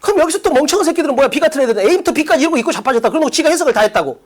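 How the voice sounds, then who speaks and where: A woman's voice: sits high, animated, rapid-fire. A woman teaching an exam-prep English class in an academy classroom, firing off rhetorical questions and bluntly insulting students with profanity. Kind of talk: lecture on exam reading questions.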